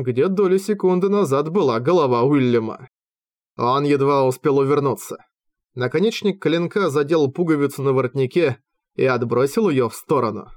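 A man narrating a fantasy audiobook in a steady, measured reading, recorded at home on a close microphone. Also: mid-range voice, no echo.

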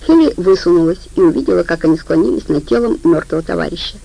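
Female audiobook narrator; gravelly, darker timbre, steady storytelling. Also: on the low side, fast, low-quality recording.

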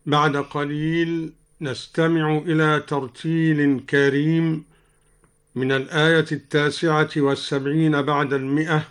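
Slow, smooth-voiced man teaching Quranic readings. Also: on the high side. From Egypt. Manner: measured, chanting quoted verses slowly. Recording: broadcast radio recording.

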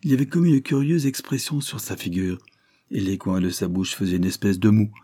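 A man's voice: on the low side, brisk, warm tone, slightly rough. A man reading aloud voices a flustered, deferential butler in a Victorian audiobook, talking in an apologetic, eager manner.

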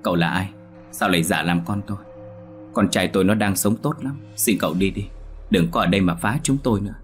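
A man's voice: low-pitched, fairly quick, soft background music, lightly acted. A man voicing a frightened old village mother, tearful and pleading, in a ghost story.

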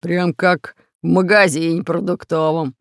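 A storybook narrator voicing a greedy, grumbling red-bearded pirate captain in a slow, gravelly voice. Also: mid-range voice, flat delivery, dry recording, studio quality.

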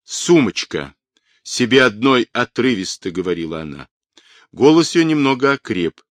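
A man narrating a literary novel in a measured, dramatic reading voice. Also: medium pitch, no room sound. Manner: measured, dramatic reading that rises for quoted shouts. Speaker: audiobook narrator.

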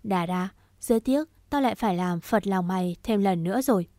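Một người phụ nữ đọc giọng một chàng trai trẻ cứng rắn, che chở, nói dứt khoát và đầy đe dọa. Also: female voice, medium pitch, moderate pace, dark tone, no echo, clean studio sound, close to an everyday voice. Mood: cold. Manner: firm, clipped and threatening. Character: stern protective young man, cold and resolute.

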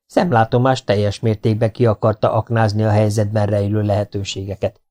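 A man reading a story aloud as an audiobook narrator, with a steady, even storytelling delivery. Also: fairly low pitch. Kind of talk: scripted narration.

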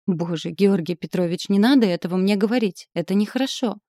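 A woman's voice: medium pitch, fairly quick, dark tone, dry recording, studio quality, natural voice. A woman reading the lines of a flustered, indignant young noblewoman, raising her voice above her narration. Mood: pleading. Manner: pleading, then sharply indignant. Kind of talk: audiobook character reading.

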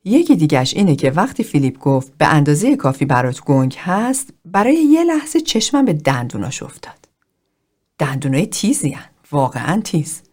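A woman reading a frank, halting young man. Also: low-pitched, sing-song, darkish tone. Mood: candid. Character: plainspoken self-conscious young man.

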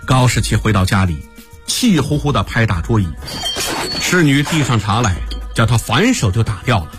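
A man narrating a historical radio story in an expressive storytelling style. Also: mid-range voice, normal speed, soft background music.

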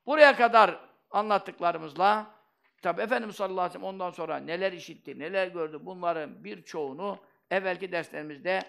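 A man in middle age delivers a sermon with fervent emphasis, breaking into recited Arabic verses. His voice sits high and rings clear and smooth. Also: fast talker, a bit bright. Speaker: preacher.

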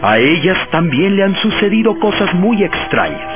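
Radio horror serial: actor as suspenseful, earnest male professor, highly expressive, tinny audio under loud music. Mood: ominous. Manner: deliberate, suspenseful storytelling. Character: earnest male professor telling an eerie ghost story. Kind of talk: radio horror drama acting.

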